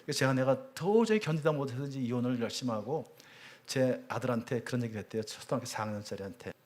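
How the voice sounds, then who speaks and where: A church elder in his fifties tells his testimony to a congregation. He speaks earnestly, climbing high when moved and falling to a soft near-whisper at tender points. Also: fast. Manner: earnest storytelling, voice swelling high on emotional peaks; drops to a hushed near-whisper at tender moments. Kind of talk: personal testimony talk.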